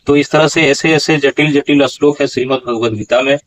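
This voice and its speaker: A man teaching how to pronounce a Gita verse. He talks slowly, asks questions and corrects recitations. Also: medium pitch, fairly even intonation, slight background noise, rough recording. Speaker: Sanskrit pronunciation teacher.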